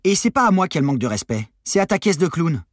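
Sharp-tongued glam woman, voiced by a man, superior tone, raised pitch. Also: big pitch swings, fast talker, dry recording, clean studio sound. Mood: tart. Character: brassy young blonde woman, sharp and haughty.

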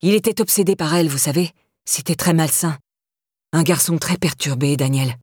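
A woman's voice: low voice, moderate pace, darkish tone, slightly rough, no room sound, studio quality. Figure: woman doing a menacing, imposing man. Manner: brusque. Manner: threatening, brusque. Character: imposing, menacing middle-aged man, domineering.

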